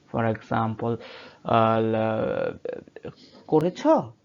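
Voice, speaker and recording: Here is a male teacher whose first language is Bengali, explaining grammar over slides in a middle-pitched voice. He hesitates often and restarts his phrases. The audio is somewhat dull and lo-fi. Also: lively intonation, a little slow, gravelly, darkish tone. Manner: hesitant, many fillers and restarts. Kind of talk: narrated slideshow lecture.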